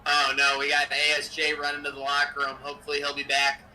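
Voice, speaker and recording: A man's voice: fairly high pitch, completely flat delivery, fast talker, bright, forceful tone, far from the mic, slight background noise, rough recording. A young man co-hosting a game-sim stream, chatting casually and jokily while dropping in play-by-play calls. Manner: chatty, jokey, drops game calls between stories. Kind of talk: casual chat and play-by-play over a simulated football game.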